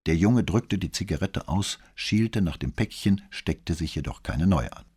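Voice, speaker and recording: A man narrating an audiobook novel in an expressive storytelling manner. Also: low-pitched, unhurried, breathy edge. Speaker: audiobook reader.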